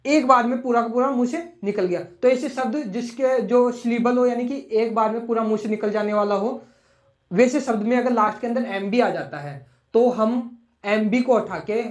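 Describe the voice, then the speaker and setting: A man's voice: high voice, a little mellow. Male teacher in an echoey room. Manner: repeats and spells out words, slow for English lines. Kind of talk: line-by-line poem explanation.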